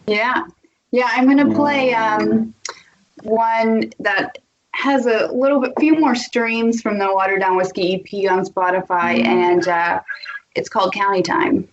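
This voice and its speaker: A woman talks casually as an interview guest, a singer-songwriter discussing her work. Her voice sits at a middling pitch. The audio is dull and carries noticeable background noise. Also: steady tone, measured pace. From Tennessee, United States.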